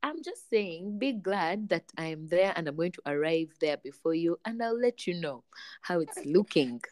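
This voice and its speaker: A woman's voice: on the low side, expressive, normal speed, a little mellow, dry recording. A woman in her late twenties co-hosting a podcast in casual, upbeat chat, repeating her phrases and laughing often. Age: late 20s, about to turn thirty. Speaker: podcast co-host.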